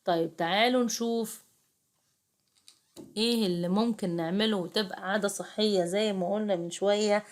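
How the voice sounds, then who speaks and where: A woman's voice: medium pitch, fairly even intonation, brisk. A young adult woman with an Egyptian accent, tutoring second graders in a chatty, coaxing way and speaking straight to her pupils. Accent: Egyptian Arabic. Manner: chatty, coaxing, addresses pupils directly, frequent restarts. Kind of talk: casual classroom explanation.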